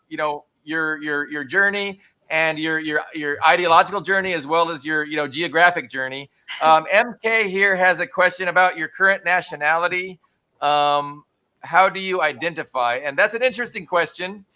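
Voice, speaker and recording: A man's voice: fairly high pitch, bright, forceful tone. A man hosting a podcast, putting questions to his guest with wry jokey asides. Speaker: host. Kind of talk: casual podcast talk.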